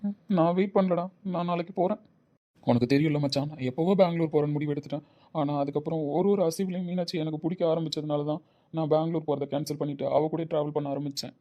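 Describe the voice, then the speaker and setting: A man's voice: fairly high pitch, steady tone, fast talker, warm tone, muffled recording, natural voice. A man voicing a young husband who speaks emotionally and pleadingly about his wife. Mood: lovesick. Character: young husband, guilt-ridden and lovesick.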